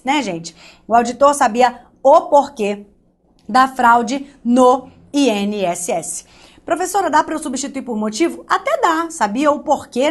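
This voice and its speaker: A woman from Brazil teaching an online grammar lesson, lively and joking, speaking straight to the student. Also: high voice.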